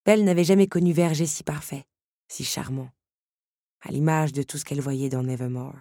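A woman narrating a novel aloud in a measured, even storytelling manner. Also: deep voice, no room sound, studio quality. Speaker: audiobook narrator.

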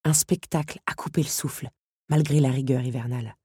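A woman narrating a storybook in a measured, even voice. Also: a bass voice, husky, dry recording, clean studio sound. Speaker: audiobook narrator. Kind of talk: scripted narration.

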